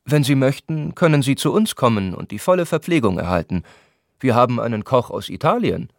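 A man voicing a brusque, impatient spa doctor who talks down to his patient in a gruff, scolding way. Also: mid-range voice, very animated, brisk, dry recording, clean studio sound, voice pushed up. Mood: lecturing.

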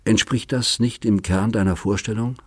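Hurt earnest man, as read aloud, measured and precise, deep husky voice. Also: steady tone, darkish tone, no echo. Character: earnest adult man, hurt and deliberate lover. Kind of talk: audiobook character reading.

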